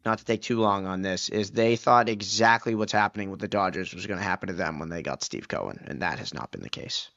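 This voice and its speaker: A man's voice: sits low, fast talker, hardly any pauses, a bit bright. A man co-hosting a sports podcast, talking in a loose, offhand, rambling way. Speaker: podcast co-host. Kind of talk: casual sports podcast chat. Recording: dull lo-fi mic.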